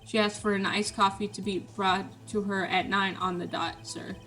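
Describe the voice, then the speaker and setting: A woman voices a fussy, prim bellboy giving testimony in a game. He is stiffly formal and tacks "sir" onto his answers, at a middling pitch, with faint music playing behind. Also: level tone, moderate pace, a bit bright, natural voice. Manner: formal, ends lines with a clipped "sir". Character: prim, fussy male hotel bellboy witness.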